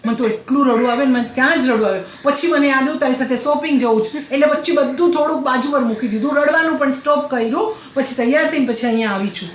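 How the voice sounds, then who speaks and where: A chatty, breathless housewife, played by a woman, who repeats herself while griping about her in-laws. Her voice sits a little high. The recording is roomy and echoey, with a faint hiss underneath. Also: fast, few pauses, lightly acted. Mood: gossipy. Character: gossipy middle-aged housewife complaining about in-laws. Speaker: comedian. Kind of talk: comic character monologue.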